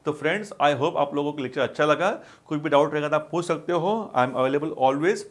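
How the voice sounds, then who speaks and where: A young man with an Indian accent teaching grammar online. His voice sits a little high, and he talks briskly and conversationally between examples. He slows right down to spell out each English sentence word by word. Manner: explains in Hindi, reads English examples slowly and deliberately.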